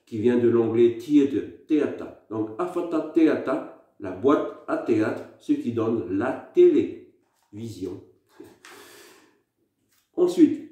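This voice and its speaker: A man's voice: medium pitch, mellow. A man from French Polynesia hosting a casual language lesson, explaining words one at a time with frequent hesitations. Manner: slow word-by-word explanations with hesitations. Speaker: language channel host. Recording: very echoey room.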